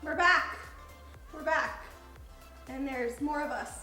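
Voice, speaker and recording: A woman's voice: high-pitched, slow pace, bright, forceful tone. A woman co-hosting a casual chat to camera, bubbly and joking, given to exclamations. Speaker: video creator, co-host. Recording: roomy echo, faint music behind.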